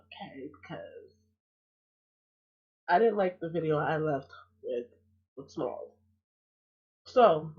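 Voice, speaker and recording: A woman's voice: lowish voice, husky. Stuffy-nosed woman on a tinny line. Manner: blunt, chatty and fired up. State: stuffed up from a cold. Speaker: reaction streamer. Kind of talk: casual reaction chat. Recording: tinny phone-like lo-fi sound.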